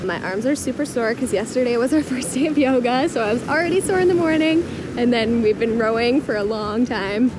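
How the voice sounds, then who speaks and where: A woman's voice: a little high, expressive, fairly quick, noisy background. A woman in her twenties chatting casually to a camera at arm's length outdoors on a beach. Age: 20s. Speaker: vlogger. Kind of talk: casual travel vlog.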